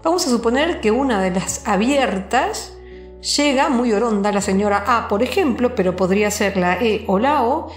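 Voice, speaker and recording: A woman's voice: on the high side, animated, moderate pace. A woman teacher narrating a lesson in a playful, storytelling way, asking rhetorical questions along the way. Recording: roomy echo, faint background music.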